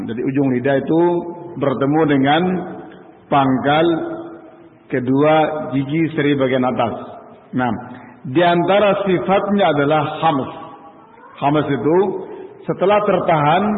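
Slow-paced male tajweed teacher, echoey hall. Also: on the high side. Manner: slow, patient, repeats letters and corrects pronunciation; chants drill syllables in a drawn-out sung tone. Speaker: Quran recitation teacher. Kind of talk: tajweed lesson with call-and-repeat drills. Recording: echoey hall, tinny phone-like audio.

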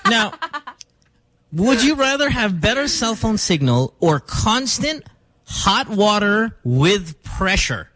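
A man's voice: high-pitched, no echo. A man from the Philippines hosting a morning radio show in casual, joking banter while fighting a cough. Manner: animated, joking, quick asides. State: has a cough. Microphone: studio microphone.

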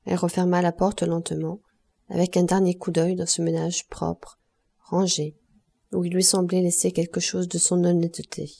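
A woman reading a classic novel aloud as an audiobook narrator, measured and expressive. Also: lowish voice, creaky. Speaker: audiobook reader.

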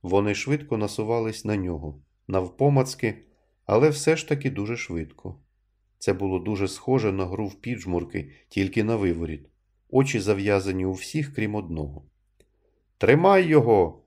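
A man narrating a literary story in an audiobook reading, with measured, even storytelling. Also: fairly low pitch.

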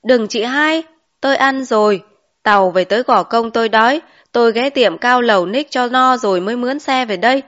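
A woman doing a young man back from the city who drives for a living, relaxed and a little boastful, in a slightly high voice. Heard in a storybook reading on a dull lo-fi recording. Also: moderate pace, close to an everyday voice.

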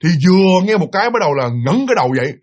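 A man's voice: sits high, very animated, rapid-fire. A man telling a spooky story, acting out the voices of the people in it.

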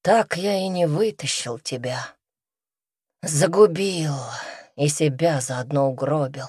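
Woman voicing a gruff hulking convict robber. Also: slow pace, warm tone, dry recording, studio quality, exaggerated voice. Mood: weary. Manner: low, blunt, muttering. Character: huge gruff male ex-convict robber, grim.

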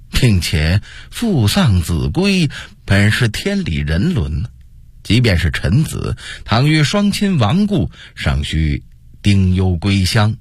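A man voicing a shrewd, scheming older male monk advisor, speaking in a measured, persuasive way full of rhetorical questions. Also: on the low side, husky, dry recording, studio quality, heavily acted.

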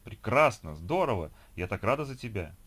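Young woman, anxious and devoted, pleading a lot, a low-voiced man doing her. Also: expressive, normal speed, lightly acted. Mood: distressed. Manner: emotional, pleading.

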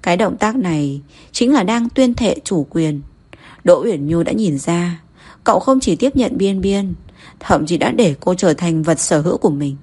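Audiobook narrator, woman, low-pitched, steady even reading. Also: moderate pace, breathy edge. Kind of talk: novel narration.

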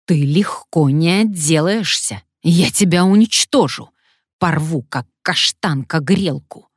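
A woman's voice: lowish voice, expressive, slow, darkish tone, no echo, studio quality, heavily acted. A woman voicing a menacing angry man. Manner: snapping, menacing. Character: angry threatening male sponsor.

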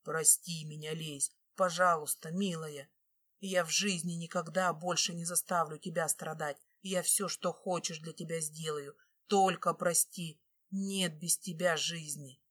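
Женщина в роли кающегося мужа, приглушённо и тихо, сипловатый тембр. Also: female voice, fairly even intonation, a little slow, husky. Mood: tender whispering. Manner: lowered voice, begging then whispering. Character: desperate adult husband, pleading and remorseful. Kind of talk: audiobook reading.

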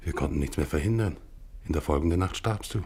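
A man's voice: extremely low pitch, fast, mellow, breathy edge. An actor playing a grim, exhausted male polar expedition captain, narrating in a solemn, psalm-like recital for a 1950s radio play. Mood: somber.

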